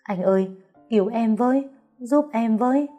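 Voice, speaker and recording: A woman voicing a scheming young wife who pleads in a shrill voice in an audio story. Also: normal speed, mellow, faint music behind, lightly acted. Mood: pleading.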